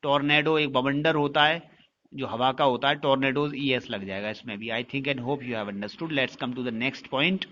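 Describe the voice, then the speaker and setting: A male teacher with an Indian English accent speaks slowly and deliberately in a bright, forceful voice. He spells words out letter by letter and puts questions to the class before he answers them. The recording is a little dull and lo-fi. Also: medium pitch, steady tone, slight background noise. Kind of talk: classroom-style lesson in Hindi mixed with English.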